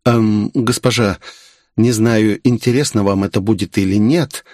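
A man reading an audiobook voices a detached, robotic young servant who talks flatly and slowly. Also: on the low side, no echo, clean studio sound, natural voice. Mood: dutiful. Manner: flat and detached, slow. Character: cold, robotic young man turning manic.

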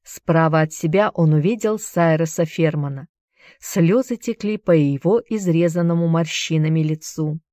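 Woman reading an audiobook, lowish voice, steady and measured, dry close mic. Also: no echo. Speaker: audiobook narrator. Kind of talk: scripted narration.

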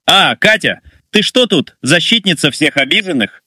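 Brief: male narrator doing a drunk, arrogant young mutineer who taunts everyone, in a bright, dry voice. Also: fairly high pitch, expressive, moderate pace, husky, no echo, exaggerated voice. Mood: taunting. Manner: sneering, taunting. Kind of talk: audio story narration.

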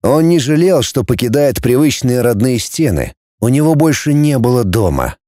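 A man reading a story aloud as an audiobook narrator, in an expressive storytelling manner. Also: mid-range voice, moderate pace, no room sound, clean studio sound. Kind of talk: scripted narration.

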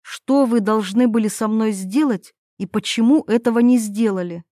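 A woman's voice: on the high side, normal speed, dark tone, no echo, studio quality, lightly acted. A woman reading a novel aloud, voicing an exhausted woman lost in a forest who pleads and questions. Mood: pleading. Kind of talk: audiobook character reading.

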